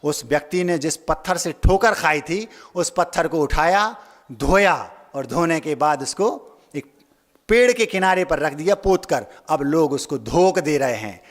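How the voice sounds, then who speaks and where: A man's voice: fairly high pitch, animated, a little slow. A man giving a sermon as a monk, emphatic, asking rhetorical questions and acting out the people he quotes. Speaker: Jain monk preacher. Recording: long hall reverb.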